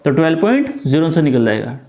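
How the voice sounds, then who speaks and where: Male tutor, high-pitched, patient step-by-step explainer, echoey room. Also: big pitch swings, fast talker, a little mellow. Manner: repetitive, coaxing, talks through each step. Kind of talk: step-by-step math lesson.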